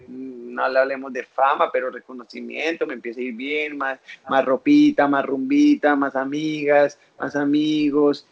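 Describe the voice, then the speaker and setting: A young man with a Colombian accent speaks as a guest in an interview, recounting his own life. His voice sits a little high and has a rough, gravelly edge. He tells it in an animated way and acts out the people he quotes, and the recording sounds dull and lo-fi. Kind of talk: personal life story in an interview.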